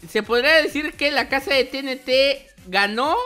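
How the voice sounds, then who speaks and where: Music plays behind a gaming channel host as he commentates a gameplay roleplay video playfully, exclaiming and repeating words in bursts. His voice is very high, bright and forceful, at a moderate pace.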